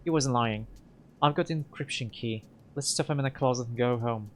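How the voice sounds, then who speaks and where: A man's voice: medium pitch, fairly quick, faint music behind, close to an everyday voice. A man reading a game aloud and voicing a feisty young woman decker whose small voice turns raucous. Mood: pleased.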